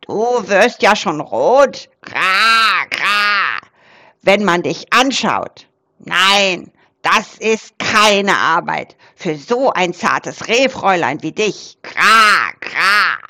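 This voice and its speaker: A flustered male raven , as a woman storyteller puts him on squawks his worries in a slightly lower, louder voice, tacking a croaked "kra, kra" onto each sentence. The delivery is slow and swings widely up and down, dramatic as in a storybook. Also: lively intonation, full character voice. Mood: teasing. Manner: agitated and dramatic.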